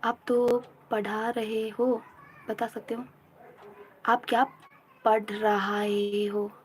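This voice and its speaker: A woman's voice: on the high side, little pitch movement, a little mellow, a little hiss or hum, rough recording. A young Indian woman on a study live stream, who recites her notes over and over and chats with her viewers in between. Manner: repeats notes aloud in slow drills, then chats fast in mixed Hindi and English. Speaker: student livestreamer.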